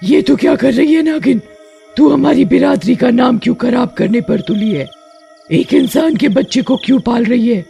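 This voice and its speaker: A woman voicing an angry witch from a coven in a cartoon story, shouting accusations. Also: fairly high pitch, normal speed, gravelly, faint music behind, pitched above the performer's own voice. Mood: accusing.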